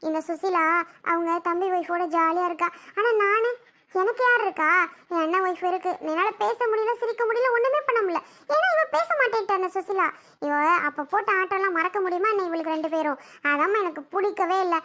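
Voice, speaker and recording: A woman playing a hurt young wife, very high voice. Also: fairly quick, bright, forceful tone. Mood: resentful. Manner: emotional, resentful, pleading. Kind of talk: village family drama skit.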